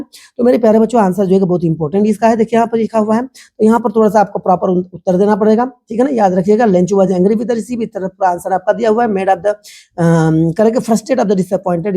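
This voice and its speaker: A teacher walking through exam answers, calling the viewers "my dear children", tagging lines with "ठीक है ना" and reading the English answers slowly. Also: mid-range voice, warm tone, slightly rough.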